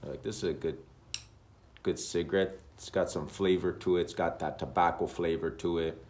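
A man in his thirties casually chatting on a smoking vlog, rambling and repeating himself with many pauses, recorded in a room on a webcam. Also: low voice. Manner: rambling, repetitive, relaxed, with many uhs. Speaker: smoking vlogger. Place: indoor room.

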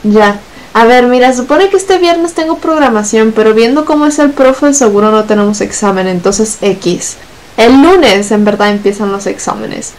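A young woman with a Mexican accent chatting casually on a stream, blunt and swearing a lot, talking in long rushed runs. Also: fairly high pitch, low-quality recording. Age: young adult. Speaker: guest on a gameplay stream. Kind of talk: casual chat.

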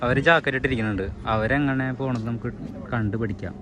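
A man's voice: medium pitch, fast. Slangy vlogger man, noisy outdoors. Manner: excitable, slangy, mixes English words into Malayalam. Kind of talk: casual outdoor vlog chat. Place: outdoors at a river, partly in a canoe. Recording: noisy outdoor waterside phone recording. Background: water, wind and boat noise.

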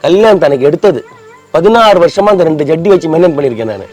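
A man's voice: fairly high pitch, big pitch swings, fast talker, darkish tone, soft background music. A man, sulking and complaining in a scripted comedy sketch as a husband. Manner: sulky, whiny complaining.

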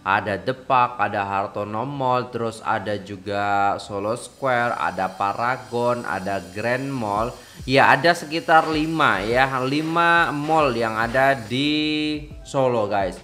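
A man's voice: medium pitch, a bit bright. A man, chatting casually as he reacts to a video and calls viewers "guys". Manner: chatty, frequent exclamations, addresses viewers as guys. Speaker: reaction vlogger. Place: small decorated room indoors.

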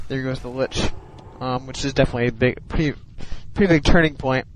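A man's voice: mid-range voice, brisk, slight background noise, rough recording. A man giving casual commentary on a strategy game replay, sounding sleepy and hesitant, with many ums and restarts. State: sleepy, yawning.

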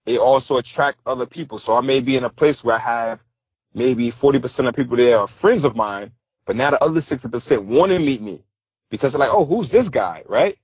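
A man's voice: mid-range voice, brisk, slightly rough, dry recording, dull audio. A man from New York City, a podcast guest, telling stories in a casual interview and acting out what others said. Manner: animated, acts out quotes of others. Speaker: podcast guest, style coach.

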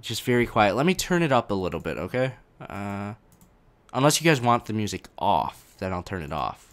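On a live stream, a young man reads chat questions about his game mod aloud and answers them casually, rambling a little. His voice is lowish, sing-song and fairly bright at a moderate pace, with faint game music in the background.

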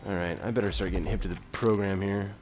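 A man's voice: sits low, fast, faint music behind. Self-mocking man commenting on his game. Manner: self-deprecating, excitable outbursts. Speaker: gameplay video host. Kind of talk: casual gameplay commentary.

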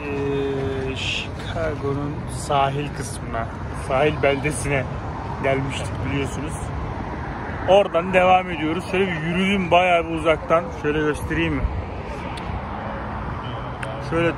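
A Turkish travel vlogger walks along a windy lakeshore and through city streets, holding his phone at arm's length for a casual walking-tour video. His voice is a little high, with fairly even intonation and a normal pace, and he chats and rambles while speaking straight to his viewers. Traffic and wind noise fill the outdoor phone audio.

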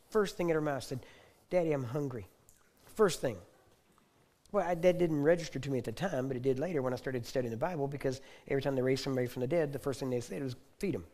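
A male preacher with a mellow, darker tone recounts a personal testimony in sermon style. His storytelling is intense, circling back on repeated phrases and building to loud declarations. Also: medium pitch. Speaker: preacher teaching on healing. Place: teaching hall.

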